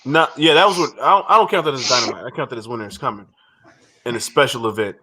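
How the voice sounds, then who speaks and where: A man's voice: mid-range voice, fast talker, crowd noise. A man co-hosting a casual wrestling recap podcast, rambling through his opinions with frequent restarts and swearing. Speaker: podcast co-host.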